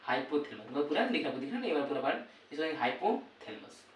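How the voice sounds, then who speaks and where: A man's voice: a little high, big pitch swings, fast talker, a little hiss or hum. A male teacher giving a classroom lesson, repeating terms and quizzing students in call-and-response. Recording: echoey room, voice from far off.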